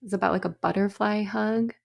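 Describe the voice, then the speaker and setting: A woman co-hosting a podcast, chatting casually in an animated, exasperated, sardonic way. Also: mid-range voice, brisk, creaky. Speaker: podcast co-host. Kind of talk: casual chat.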